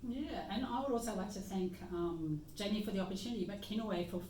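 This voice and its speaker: A woman's voice: medium pitch, expressive, quick pace, dark tone, a little hiss or hum. An Australian woman speaking as a guest practitioner in a casual, reflective conversation about nature. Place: meeting room indoors. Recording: echoey room, mic at a distance.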